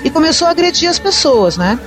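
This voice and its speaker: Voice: sits high, sing-song, fast talker, fairly bright tone. Podcast host chatting, telling a story step by step, faint music behind. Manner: storytelling, retelling events with quoted lines. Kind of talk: casual chat.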